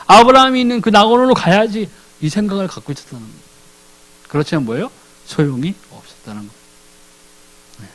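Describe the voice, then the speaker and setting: Brief: male preacher, high voice with lively swings, animated sermon, asks and answers his own questions. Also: low-quality recording. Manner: animated, acts out biblical characters in casual speech; asks the congregation questions and answers them himself. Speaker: ordained deacon preaching.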